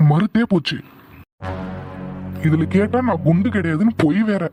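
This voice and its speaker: A man's voice: high-pitched, moderate pace, warm tone, faint music behind, lightly acted. A man voicing a bossy but affectionate young husband who teases, scolds and coaxes his wife. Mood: teasing. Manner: teasing, scolding, coaxing. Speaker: voice actor. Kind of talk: cartoon voice acting.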